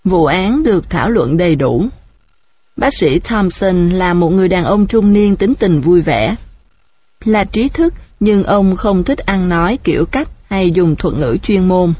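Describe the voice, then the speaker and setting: A woman narrating an audiobook in a steady, measured storytelling manner. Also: on the low side, husky, dry recording. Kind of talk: audiobook reading. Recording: dull, dry recording.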